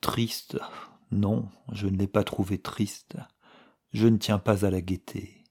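A man voicing a soft-spoken grieving widow. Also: level tone, fairly quick, natural voice. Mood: subdued. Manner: low, soft and withdrawn. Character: sad young English widow, soft-spoken.

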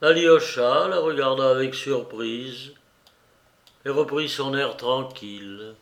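A man reading a novel aloud in slow, measured storytelling narration. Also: medium pitch, gravelly, fairly bright tone, echoey room. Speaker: audiobook reader.

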